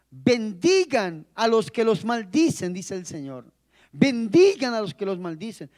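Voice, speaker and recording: A man's voice: sits high, a little mellow. A priest giving a sermon, asking the congregation questions and stretching words out for emphasis, with big rises and drops in his delivery. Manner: preaching with dramatic rises and drops, drawn-out emphasis.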